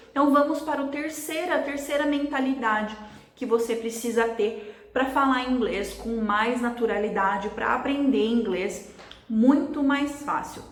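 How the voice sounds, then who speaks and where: A woman's voice: on the high side, reverberant. A Brazilian woman teaching English online, explaining step by step and checking in with her listeners.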